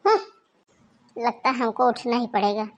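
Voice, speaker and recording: A woman's voice: on the high side, sing-song, moderate pace, highs cut off. A woman voicing a lazy, defiant young daughter-in-law in a cartoon, with offhand, cheeky replies. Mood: lazy, rude. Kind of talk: cartoon voice acting.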